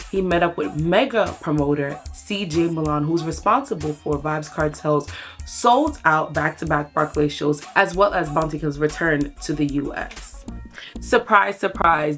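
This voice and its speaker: A woman with a low voice hosts an entertainment news segment over a music bed. She reads scripted updates in an upbeat presenter's delivery and talks straight to the viewers. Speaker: host. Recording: music playing under the voice.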